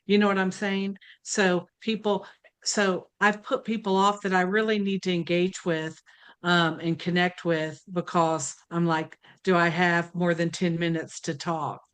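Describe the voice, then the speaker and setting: Rambling woman, smooth clear voice. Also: lowish voice, flat delivery, unhurried, fairly bright tone. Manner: rambling, heavy on "you know". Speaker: class participant.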